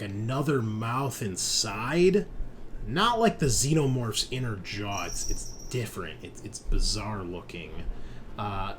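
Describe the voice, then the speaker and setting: Acting as game master, a man hosts and narrates a tabletop horror roleplaying session, speaking in a halting, conversational way. His voice is on the low side and a bit bright, with background music playing.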